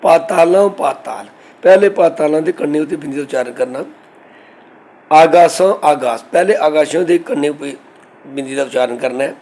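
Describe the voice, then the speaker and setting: A man giving a verse-by-verse scripture lesson, reciting lines slowly and then explaining them in an earnest, instructive way. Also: a little high, warm tone, poor audio. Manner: earnest, instructive, corrects pronunciation. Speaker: scripture teacher.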